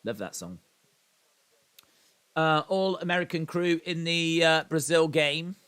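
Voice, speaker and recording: A man from England in his thirties speaks slowly in a fairly high, fairly bright voice that is clear and resonant. He's hosting a casual live watch-along stream, chatting, rambling and reading out viewers' comments with self-deprecating asides.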